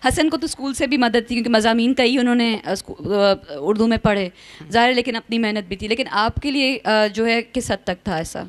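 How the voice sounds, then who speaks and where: A woman's voice: on the high side, no echo. A woman moderating a panel conversation, fluent and often switching into English phrases. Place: outdoor university courtyard event.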